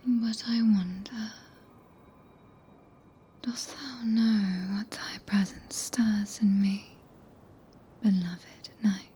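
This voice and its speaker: Woman playing Ranni, a very slow whispering British witch. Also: medium pitch, a little hiss or hum. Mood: wistful, longing. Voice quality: breathy whisper. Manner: slow, hushed, intimate, solemn. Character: tender, possessive, regal witch woman, softly devoted. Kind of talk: whispered ASMR roleplay, archaic scripted speech. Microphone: close binaural microphone.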